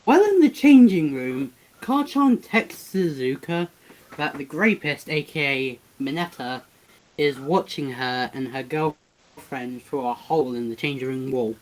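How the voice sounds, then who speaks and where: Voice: medium pitch, expressive, unhurried, poor audio. A person casually narrating a fan-fiction story over a voice call, joking and restarting phrases. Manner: joking, loose, trailing restarts.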